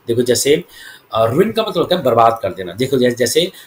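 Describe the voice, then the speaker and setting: A man teaching English grammar in Hindi. He explains each rule quickly, then says the English example sentence slowly and deliberately. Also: medium pitch, big pitch swings, slight background noise. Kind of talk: Hindi-language English lesson.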